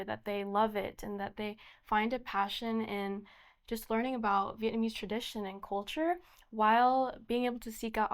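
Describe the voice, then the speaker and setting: A woman's voice: on the high side, clean tone. A young woman giving earnest interview answers as a pageant candidate. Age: young adult.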